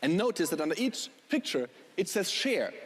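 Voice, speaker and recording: A man's voice: sits high, very animated, normal speed, slight background noise. A man performing as a stage magician, giving patter to a theatre audience. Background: music and audience.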